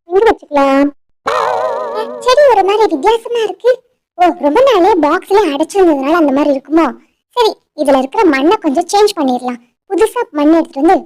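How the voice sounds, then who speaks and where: Very high-pitched young female cartoon bird, shrill, fussy, wailing, voiced by a woman. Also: a little mellow, low-quality recording. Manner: shrill, wailing and fussy over her plant. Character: excitable young female bird, fond of her pet cactus. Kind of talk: cartoon voice acting.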